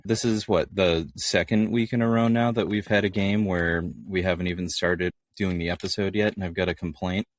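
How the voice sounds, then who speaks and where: A man's voice: sits low, steady tone, normal speed, few pauses, dry recording. A man co-hosting a casual gaming podcast, chatty and jokey, rambling playfully. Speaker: podcast co-host.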